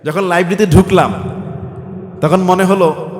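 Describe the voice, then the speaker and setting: A man from Bangladesh with a Bangladeshi Bengali accent preaching a waz sermon, firing rhetorical questions at the crowd and swinging between soft passages and shouts. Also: sits high, steady tone, moderate pace. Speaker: Islamic preacher. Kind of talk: waz sermon with Quran recitation. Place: religious gathering (waz mahfil). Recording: roomy hall with long reverb.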